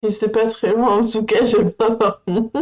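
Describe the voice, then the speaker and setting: A woman with a fairly high, mellow voice hosts a casual livestream unboxing for her coloring channel. She gushes excitedly and chats straight to her viewers. The sound is dull and lo-fi. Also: slow pace.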